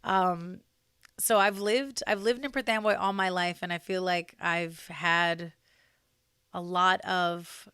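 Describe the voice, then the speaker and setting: A woman's voice: lowish voice, fairly even intonation, takes it slowly, a bit bright, clear, resonant tone, no room sound, clean studio sound. A young woman from New Jersey, chatting as a podcast guest with lots of fillers and restarts. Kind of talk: casual interview conversation.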